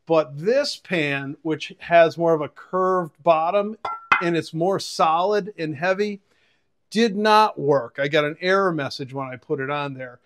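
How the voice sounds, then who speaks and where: In a home kitchen, a fortysomething man gives a keen, informal product review and demonstration to camera through a clip-on lapel mic. He speaks a little slowly in a fairly high voice.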